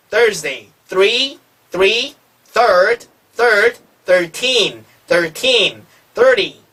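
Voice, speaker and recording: A phonics teacher who says each English word slowly and more than once, then explains its sound. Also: medium pitch, sharp tone, slightly rough, recorded from a distance. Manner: slow, repeats each word aloud for drilling. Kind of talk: phonics lesson.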